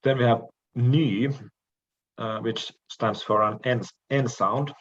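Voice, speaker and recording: A man giving a recorded lecture, explaining each letter in a measured way with frequent pauses and the odd throat clearing. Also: medium pitch, fairly even intonation, highs cut off.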